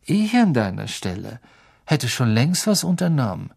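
Brief: a man playing a sneering teen bully, sly and needling, raised pitch, gravelly. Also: sing-song, moderate pace, darkish tone, heavily acted. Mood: taunting. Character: spiteful scheming schoolboy, thin-lipped bully.

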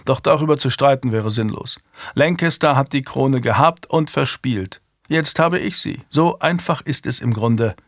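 A man's voice: mid-range voice, normal speed, dry recording, lightly acted. A man voicing a young male king who is earnest and commanding and presses his questions in a dry studio recording.

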